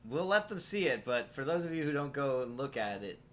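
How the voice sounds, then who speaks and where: A man's voice: medium pitch, big pitch swings, a little fast, a bit bright, a little hiss or hum. Goofy male podcast co-host. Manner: goofy, playful banter. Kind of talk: casual comedic chat.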